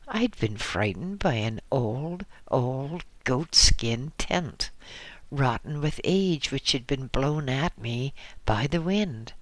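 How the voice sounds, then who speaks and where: A man narrating a first-person memoir as an audiobook, in a measured, dramatic way. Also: medium pitch, sharp tone, no echo. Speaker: audiobook reader.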